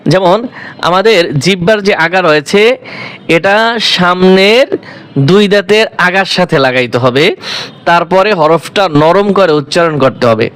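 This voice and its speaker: A man's voice: high voice, lively intonation, measured pace, a bit bright, smooth. A male Quran teacher giving a step-by-step recitation lesson, patiently asking the class questions, answering them himself and repeating each letter aloud several times.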